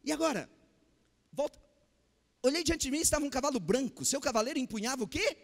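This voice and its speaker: Man, Brazilian Portuguese accent, preacher, Sunday sermon, high voice, very lively pitch, calls questions to the congregation, long church reverb. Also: brisk, gravelly. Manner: calls out to the congregation with repeated questions, swings between loud and hushed. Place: church hall.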